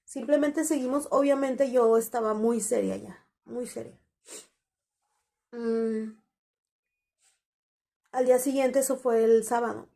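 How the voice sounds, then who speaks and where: A woman's voice: fairly high pitch, creaky, mellow. A woman, candidly telling the story of her breakup to her viewers. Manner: candid, conversational, quotes past dialogue. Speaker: vlogger. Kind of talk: confessional storytelling.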